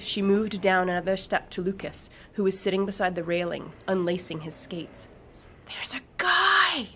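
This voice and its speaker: A woman author reading her children's book aloud with expressive storytelling and dramatic pauses. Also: lowish voice, creaky, slight background noise.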